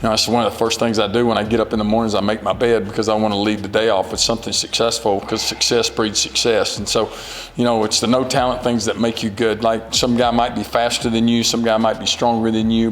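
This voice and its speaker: A man in his forties, a high school football coach, answering interview questions in an earnest, rambling way with many fillers. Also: little pitch movement, quick pace, long reverb tail, a little hiss or hum, rough recording. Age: 40s.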